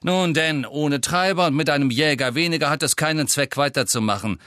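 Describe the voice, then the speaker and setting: A man reading aloud voices a bossy teenage girl, the team captain, with sharp, loud commanding calls. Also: high voice, big pitch swings, measured pace, dry recording, clean studio sound, pitched above the performer's own voice, full character voice. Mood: brisk.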